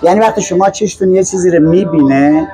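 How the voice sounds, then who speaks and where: A man's voice: sits high, mellow. An older man as a podcast guest, explaining in a didactic way and often checking that the listener is following. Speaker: guest, language teacher. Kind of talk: podcast interview.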